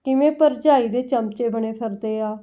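Woman playing a scheming young wife, complaining, needling, high-pitched, lo-fi storybook audio. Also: normal speed, warm tone, lightly acted. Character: scheming, resentful young daughter-in-law. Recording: dull lo-fi recording.

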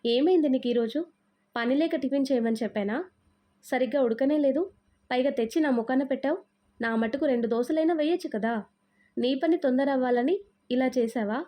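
A woman's voice: on the high side, fairly quick, warm tone, lightly acted. A woman voicing a short-tempered young husband who scolds his wife impatiently in a storybook reading. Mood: irritated. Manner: irritable, scolding.

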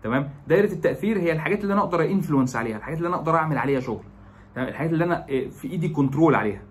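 A young Egyptian man teaches in a quick, chatty lecture voice, dropping English terms into his Arabic and pausing on drawn-out "aah"s. There is a faint hum of noise under the recording. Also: a little high, animated. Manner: explains with lots of English terms and filler "aah". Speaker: presenter. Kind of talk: educational talk.

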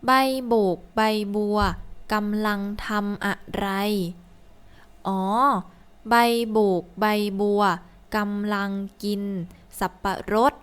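A woman slowly reading a children's story and then drilling letters and vowels aloud, word by word, as a teacher. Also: medium pitch, level tone, smooth. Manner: slow, deliberate, word-by-word reading. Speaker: teacher reading a first-grade Thai textbook.

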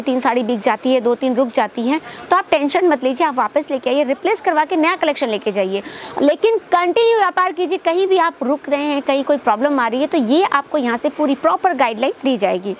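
A young woman presents a textile wholesale shop in an upbeat promotional vlog, talking straight to her viewers as friends. She is seated in an indoor shop. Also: a little hiss or hum. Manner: upbeat sales pitch, addresses viewers as friends. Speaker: presenter of a wholesale saree showroom video. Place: indoor textile shop with stacked saree shelves.

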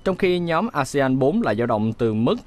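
A man reading a scripted news voice-over in a steady, measured way. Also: medium pitch. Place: studio booth.

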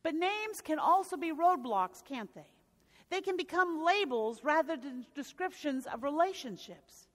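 High-voiced woman preaching in a reverberant church. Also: expressive, measured pace, a bit bright. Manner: storytelling preaching with occasional restarts. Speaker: pastor. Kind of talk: sermon. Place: church sanctuary.

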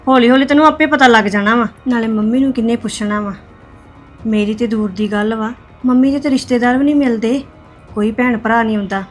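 A woman's voice: fairly high pitch, steady tone, brisk, soft background music, close to an everyday voice. A woman playing a scheming young married woman who sweet-talks a newcomer. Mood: confiding. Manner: sly, confiding.

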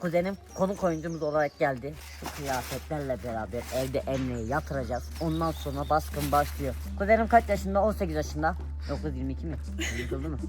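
A man's voice: fairly high pitch, a little fast, hardly any pauses. A man hosting a prank video, boastfully talking through his scheme to the camera. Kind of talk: casual vlog narration. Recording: music underneath.

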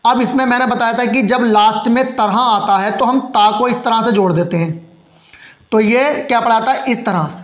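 A man's voice: high voice, reverberant. A man teaching a shorthand lesson step by step. He asks questions and answers them himself, and he explains each stroke patiently as he writes.

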